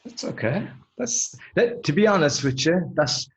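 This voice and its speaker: A podcast host on the topic of speaking talks in a slightly high, animated voice at a somewhat slow pace. In this casual interview he sounds reassuring and often repeats words as he begins a sentence.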